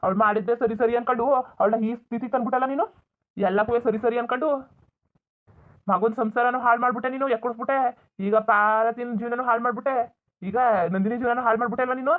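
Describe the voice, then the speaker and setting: A furious young village man, voiced by a voice actor in a cartoon, scolding his family with bitter, shouted words. The audio is thin and tinny, like a phone line. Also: medium pitch, steady tone, fairly quick, close to an everyday voice. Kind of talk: Kannada village cartoon dub.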